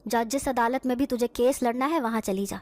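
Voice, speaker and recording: Harsh, contemptuous relative, read by a woman narrator in a storybook horror tale, fairly high voice. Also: a little mellow, no echo, close to an everyday voice. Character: cruel relative evicting an orphan girl.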